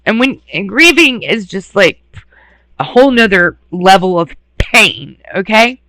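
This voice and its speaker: A man with a high, bright, forceful voice talks bluntly and with raw passion. He swears freely and sounds close to tears. The recording is dry and close. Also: animated, a little slow, dry recording, poor audio. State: near tears. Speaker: radio host. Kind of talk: emotional monologue.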